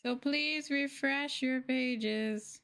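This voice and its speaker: This VTuber livestreamer speaks very slowly in a high, fairly bright, clean voice. Her soft-spoken chat to viewers is casual and rambling, sprinkled with plenty of "like" and "y'all."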